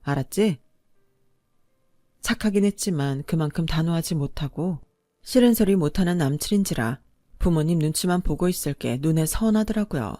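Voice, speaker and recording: Calm woman narrating a personal story. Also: sits low, brisk, no room sound, clean studio sound.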